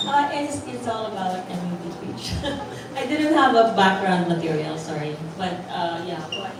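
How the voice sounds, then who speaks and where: A woman's voice: medium pitch, unhurried. A woman journalist asking rambling, apologetic questions at a press Q&A. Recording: echoey room, distant mic, noisy.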